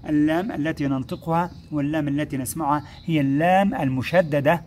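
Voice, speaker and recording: A patient male teacher speaking to young children, his voice set a little high for a man. He breaks words into slow, drawn-out syllables and praises the class often. A faint hiss sits under the recording. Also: steady tone, darkish tone. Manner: patient, explains step by step, slows to sound out syllables; addresses pupils as "my sons", praises them. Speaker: first-grade Arabic teacher.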